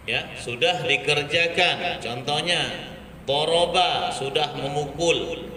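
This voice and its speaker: A man teaching Quran reading, patiently repeating Arabic words and chanting them slowly. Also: on the high side, bright, forceful tone, slight background noise. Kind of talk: slow Quran recitation lesson. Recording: echoey hall with faint ambience.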